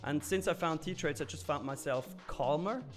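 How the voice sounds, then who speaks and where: A Swiss live trading stream host reads and answers viewer comments in casual chat, loose and candid, with plenty of fillers and some mild swearing. His voice is a little on the high side, he talks at normal speed, and faint music plays softly beneath.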